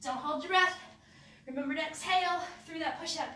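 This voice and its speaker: A woman's voice: high voice, brisk, bright, forceful tone, far from the mic, a little hiss or hum. A woman leading a live home workout, upbeat as she cues the moves and counts reps. She sounds sniffly with a runny nose. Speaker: fitness instructor. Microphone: camera mic from a distance. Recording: echoey room, voice away from the mic.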